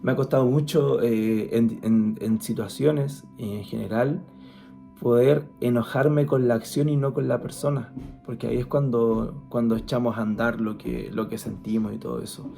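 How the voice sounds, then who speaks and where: A man gives an earnest devotional talk, his voice gravelly and dark. He speaks conversationally and restarts often. Soft music plays faintly underneath. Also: medium pitch, fairly even intonation, moderate pace. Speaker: guest speaker.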